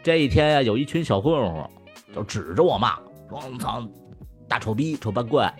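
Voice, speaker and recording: A man in casual chat, telling crude jokes, swearing freely and laughing loudly at his own punchlines. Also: medium pitch, expressive, moderate pace, faint music behind.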